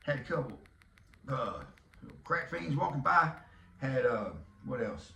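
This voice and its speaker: A man's voice: mid-range voice, big pitch swings, unhurried, vocal fry, sharp tone, far from the mic, a little hiss or hum. A Texan man in his fifties hosting a podcast, rambling and joking in casual talk, breaking into hollers now and then. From Texas. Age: 50s. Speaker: podcast host. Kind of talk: casual monologue. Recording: echoey room, off-mic.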